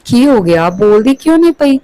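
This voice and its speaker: A woman's voice: on the high side, sing-song, fairly quick, dark tone, pitched above the performer's own voice. Woman reading as a worried young husband, questioning, storybook narration.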